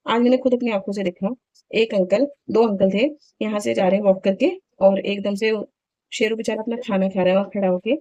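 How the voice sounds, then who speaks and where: A woman's voice: medium pitch, fairly even intonation, a little fast, warm tone, dry recording, poor audio. A woman in her thirties chatting casually in a home vlog, telling a story in an indignant, talkative way. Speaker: vlogger.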